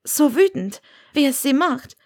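A woman voicing a bold, defiant young witch, with a high, bright, teasing delivery. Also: big pitch swings, measured pace.

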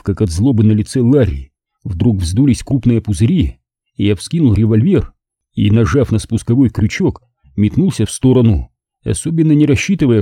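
A man narrating a first-person detective story as an audiobook, with an expressive storytelling manner. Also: medium pitch, slightly rough, no room sound, studio quality.

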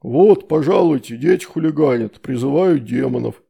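A man reading an audiobook, voicing a huge grumpy demon uncle who drawls slow threats. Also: mid-range voice, animated, vocal fry, dark tone, slightly rough, full character voice.

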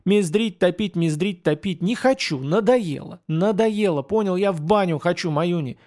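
A man's voice: high-pitched, moderate pace, darkish tone, voice pushed up, lightly acted. A male reader voicing a young Cossack woman who pleads with her partner in long emotional outbursts. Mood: fed up.

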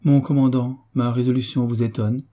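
A man's voice: mid-range voice, little pitch movement, moderate pace, mellow, lightly acted. A man voicing a young duke, earnest and somewhat hesitant.

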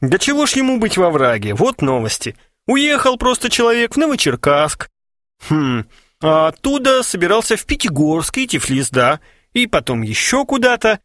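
A sly, mocking young schemer from an audiobook, his speech lively and swinging with sarcasm. A male reader voices him. The sound is dry and close. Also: high voice, normal speed, no room sound, pitched above the performer's own voice. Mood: false cheer. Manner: teasing, sarcastic. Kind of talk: audiobook character voice.

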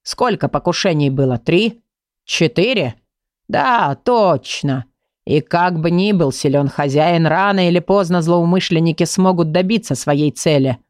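A woman doing a low, slow plump book. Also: a little mellow, no room sound, clean studio sound, natural voice. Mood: grave. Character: plump worried male book.

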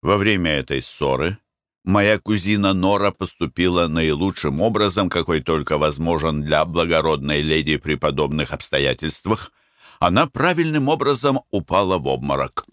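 A man reading an audiobook as narrator, expressive and measured. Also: low-pitched, dry recording, studio quality. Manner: expressive, even-paced reading. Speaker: audiobook reader. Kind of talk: scripted narration.

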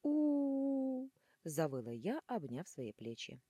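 Husky, animated woman narrating an audiobook. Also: low voice, moderate pace, no room sound. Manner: animated, dramatic, shifting into hissing whispers. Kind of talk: expressive first-person fantasy audiobook narration.

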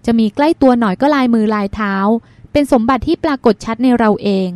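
A woman reading the part of a thoughtful, earnest woman doctor in an audiobook, speaking in a measured, reasoning way. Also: a little high, darkish tone, dry recording, lightly acted. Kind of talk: audiobook dialogue.

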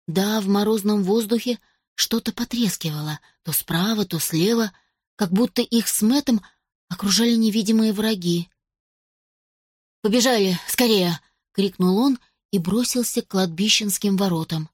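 A woman reading a children's adventure story aloud as narrator, steady and expressive. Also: mid-range voice, moderate pace, slightly rough, no room sound, clean studio sound. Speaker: audiobook narrator.

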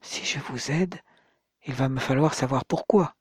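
A man's voice: medium pitch, unhurried, slightly rough, no room sound, studio quality. A reader doing a wary man in his forties. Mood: hesitant. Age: 40s. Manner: tense calls, then hesitant questions. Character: middle-aged man, wary, unsettled.

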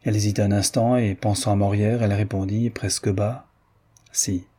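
A male audiobook reader narrating a classic novel in a measured, even way. His voice sits low and sounds mellow and breathy.

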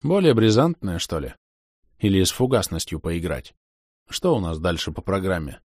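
A man with a low voice reads a first-person fantasy novel in a wry, expressive manner, his pitch rising and falling freely. The recording is dry and close, with no room sound. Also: moderate pace, no echo. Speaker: audiobook narrator.

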